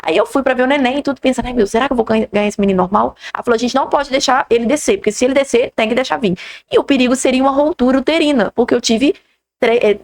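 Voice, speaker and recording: Rapid-fire Brazilian woman with gravelly voice. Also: high voice. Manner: animated retelling with quoted dialogue. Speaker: podcast host. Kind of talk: personal storytelling in conversation.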